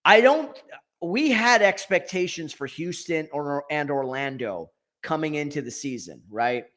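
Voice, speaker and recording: Chatty higher-voiced man talking hoops. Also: animated, unhurried, a bit bright. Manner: thinks aloud, self-correcting. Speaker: co-host. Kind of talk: casual sports talk.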